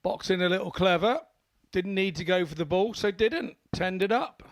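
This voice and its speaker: A man's voice: high-pitched, normal speed, dry recording, clean studio sound. A man co-commentating on live darts in a chatty, informal way with rambling asides.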